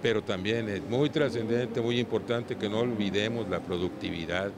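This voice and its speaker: Older Mexican man, low voice, noisy hall. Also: normal speed. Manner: tag questions like "¿verdad?" and "¿no?". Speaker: cattle breeder being interviewed. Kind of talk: conversational interview answers. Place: large indoor livestock exhibition hall. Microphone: handheld interview microphone. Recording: noisy livestock show hall.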